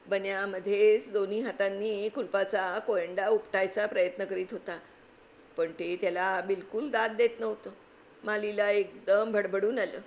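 A woman giving an expressive, vivid reading of a story aloud. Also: medium pitch, vocal fry, slight background noise. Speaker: story reader.

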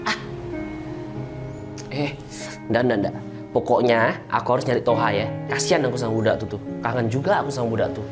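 A man's voice: mid-range voice, brisk. A man acting a neighborhood head in a comedy sketch, grumbling and chatting in an ordinary mid-range voice. Music plays steadily behind him. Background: background music.

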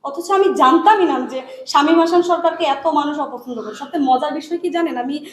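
Agitated young woman, high voice. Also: roomy sound, rough recording. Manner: agitated, rapid retelling with self-corrections. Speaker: actress. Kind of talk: complaint in a news interview.

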